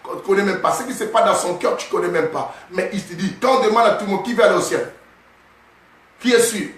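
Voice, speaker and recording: A man preaching a sermon as a bishop, emphatic and often shouting, calling his listeners beloved over and over. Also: sits high. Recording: echoey hall, voice from a distance.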